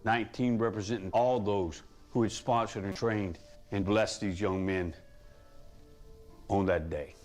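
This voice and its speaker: A man interviewed for a documentary, a former intelligence official. His voice is low and he speaks gravely, stressing his words. Faint music plays underneath. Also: steady tone, unhurried, darkish tone. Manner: grave, emphatic.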